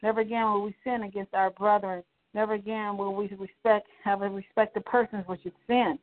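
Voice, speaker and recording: A woman's voice: medium pitch, flat delivery, brisk. A woman leading a congregational prayer, speaking in fervent, rhythmic repeated declarations. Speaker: prayer leader. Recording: tinny phone-line sound.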